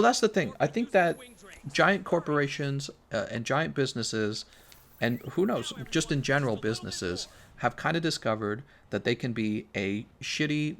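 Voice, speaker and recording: Gravelly man chatting on a live stream. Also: mid-range voice, fairly bright tone. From Missouri. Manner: rambling, reads chat aloud, laughs often. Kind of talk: casual chat while gaming.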